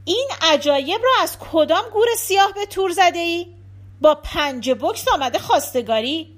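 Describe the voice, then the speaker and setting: A woman voicing a bossy middle-aged housewife who scolds sharply and shouts at times. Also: sits high, animated. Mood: scolding.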